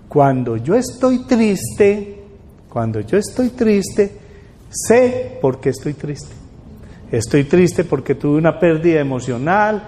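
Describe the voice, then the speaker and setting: Older guy giving a talk, pretty high voice, big hall echo, keeps asking the crowd questions. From Colombia. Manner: lively, asks the audience rhetorical questions. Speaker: lecturer. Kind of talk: public talk to an audience. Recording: long hall reverb.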